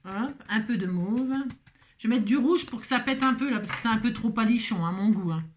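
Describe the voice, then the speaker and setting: A woman's voice: on the high side, brisk, a little hiss or hum. A woman chatting playfully through a card-making tutorial, joking at herself with teasing asides. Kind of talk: crafting tutorial chat.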